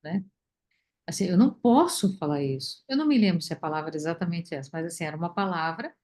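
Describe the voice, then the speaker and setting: A woman leading a study group, talking reflectively with many pauses and fillers over a video call. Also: lowish voice, animated, darkish tone. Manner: thoughtful, many fillers and restarts.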